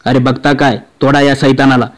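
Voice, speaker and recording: A stern noble commander gives orders to his men in a storybook reading. The voice sits at a middling pitch and barely rises or falls, read by a man narrating the tale. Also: level tone, moderate pace, natural voice. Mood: enraged.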